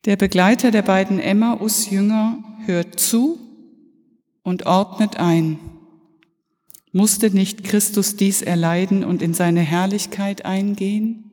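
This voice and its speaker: Slow reflective woman pastor in a church. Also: mid-range voice, dark tone. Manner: slow, reflective storytelling with pauses. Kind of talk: Easter sermon. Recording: reverberant church hall.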